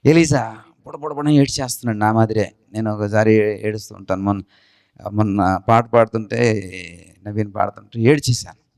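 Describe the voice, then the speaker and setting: A man preaching a sermon from India with a Telugu accent, swinging between excited high retelling and quiet low asides. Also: moderate pace, long pauses, no room sound. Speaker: pastor.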